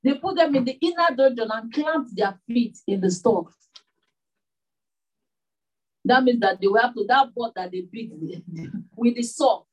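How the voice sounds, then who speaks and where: A woman's voice: fairly high pitch, expressive, measured pace, pauses often, recorded from a distance, dull audio. A woman preaching a sermon, full of rhetorical questions and repeated phrases.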